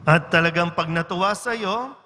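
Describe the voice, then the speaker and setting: A male priest reading the gospel and giving a homily in a large church, measured and conversational, often adding little tag questions. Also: sits high, pushed and bright, a little hiss or hum. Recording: reverberant church with faint music.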